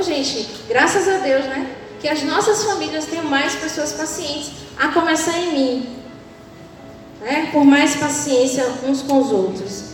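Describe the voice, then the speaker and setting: A woman preaching a sermon in a lively way, acting out quoted voices and laughing often. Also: high-pitched. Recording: echoey hall, speaker far from mic.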